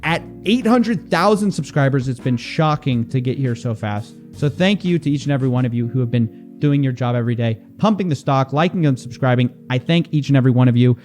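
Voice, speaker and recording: A man's voice: on the high side, darkish tone. A man speaking straight to camera in a commentary video, exasperated and incredulous as he calls people out, with faint music underneath. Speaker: online investigative commentator.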